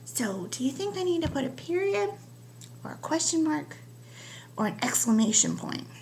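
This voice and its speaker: A woman teacher giving a writing lesson to young children, slowly stretching out the sounds of words. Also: sits high, big pitch swings, vocal fry, a little mellow, slight background noise.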